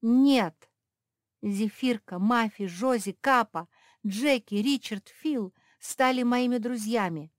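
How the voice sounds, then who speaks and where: A small greyhound mother, voiced by a woman reading a storybook cries out her defiance in a raised, slightly higher voice. The sound is close and dry. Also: fairly even intonation, measured pace, dry recording, natural voice. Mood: defiant. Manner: loud, pleading and insistent. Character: desperate loyal little female greyhound, mother.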